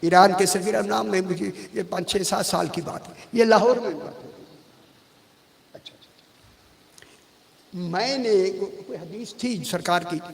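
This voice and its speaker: Brief: male religious scholar, high pitch, chatty storytelling delivery, long hall echo. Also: measured pace, creaky, pauses often. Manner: conversational storytelling, addresses the audience directly. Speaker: religious scholar giving a majlis sermon. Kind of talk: Urdu majlis sermon with anecdotes.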